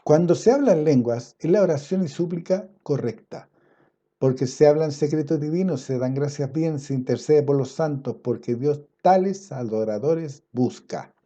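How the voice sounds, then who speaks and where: A man preaching a sermon, swinging between loud emphatic passages and low quiet asides, and drawing out scripture quotes slowly. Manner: quotes scripture in a slow, drawn-out cadence.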